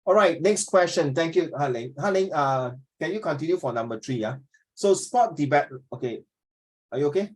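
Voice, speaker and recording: Speaking at a moderate pace, a Singaporean-accented man in his fifties guides an informal class discussion, his slightly high voice animated. He tends to repeat himself and check in with questions.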